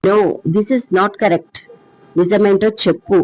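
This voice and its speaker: A man's voice: sits high, normal speed, darkish tone. Narrator voicing an insistent heartbroken young man. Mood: angry. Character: young man, lovesick and angry. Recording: dull lo-fi, dry.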